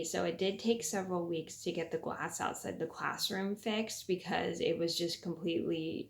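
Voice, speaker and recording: A young woman telling a casual story to viewers, keeping her voice quiet as if late at night with others asleep, in a halting way that circles back to rephrase. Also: on the low side, creaky. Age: young adult. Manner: talking quietly so as not to wake sleeping people at night. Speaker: vlogger.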